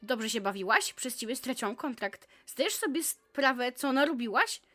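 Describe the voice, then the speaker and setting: A woman's voice: fairly high pitch, animated, moderate pace, pushed and bright. A woman reading the lines of a vain, scheming teenage pop singer from a visual novel, in a haughty, scornful tone. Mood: cold.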